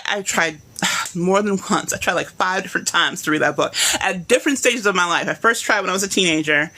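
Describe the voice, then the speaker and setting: Bright-voiced woman teaching a writing class. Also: fairly low pitch. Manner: chatty, acts out reader reactions in quotes. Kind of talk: live online class lecture.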